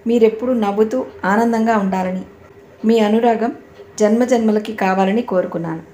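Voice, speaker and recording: A woman voicing a young wife who cannot walk, soft and sincere in a storybook reading. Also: mid-range voice, normal speed, natural voice. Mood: devoted. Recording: echoey room, faint background noise.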